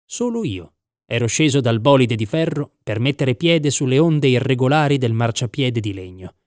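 A man reading a first-person story as an audiobook narrator, measured and reflective. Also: medium pitch, animated, darkish tone, dry recording, clean studio sound.

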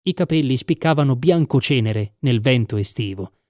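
A man reading a first-person story as an audiobook narrator, measured and reflective. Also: medium pitch, animated, a little mellow, no echo, clean studio sound.

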